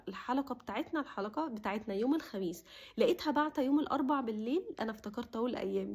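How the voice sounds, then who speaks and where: Woman, young adult, Egyptian accent, husky, quick talker, heartfelt casual vlog chat. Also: on the high side. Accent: Egyptian Arabic. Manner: emotional, heartfelt, drops to a soft whisper at times. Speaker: vlogger. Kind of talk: casual personal talk to camera.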